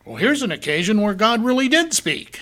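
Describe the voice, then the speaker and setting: A man's voice: high voice, big pitch swings, a little fast, pushed and bright. A man preaching a verse-by-verse sermon, asking the congregation rhetorical questions and drawing out key words for emphasis.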